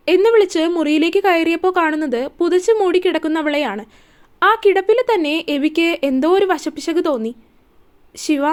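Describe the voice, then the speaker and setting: A woman narrating a serialized romance story in a steady, even storytelling manner. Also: high voice.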